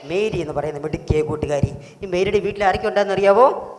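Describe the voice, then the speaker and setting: A pastor hosting a children's Bible school, telling a story and quizzing the children with animated, rising questions. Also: male voice, sits high, quick pace. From Kerala, India. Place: auditorium. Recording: echoey hall with faint noise.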